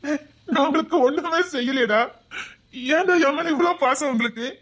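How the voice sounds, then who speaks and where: A woman plays a lonely uncle in a village web drama, with a Tirunelveli accent and a voice that sits a little high. He talks with deep feeling, pleading and close to tears, full of regret. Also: fairly quick, a bit bright. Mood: tearful. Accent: Tirunelveli Tamil. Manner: emotional, pleading, tearful. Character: grown man, a lonely, remorseful uncle.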